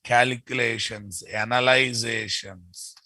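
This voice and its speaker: A man's voice: mid-range voice, fairly even intonation, takes it slowly, bright, forceful tone, dry recording. A man with a Telugu Indian accent, teaching a live programming class emphatically, repeating key phrases and checking that students follow. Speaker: programming instructor. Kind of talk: live online class lecture.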